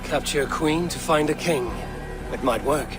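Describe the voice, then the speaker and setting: An actor playing a stern, commanding Viking warrior who speaks tersely, in a video game cutscene. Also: male voice, a little high, normal speed, lightly acted. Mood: calm. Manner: terse, authoritative. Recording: music under dialogue.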